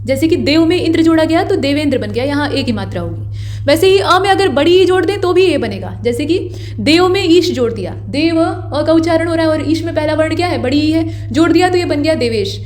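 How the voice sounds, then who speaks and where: A woman's voice: sits high, expressive, brisk, darkish tone. A woman teaching a grammar lesson for exam preparation, explaining step by step and repeating key points.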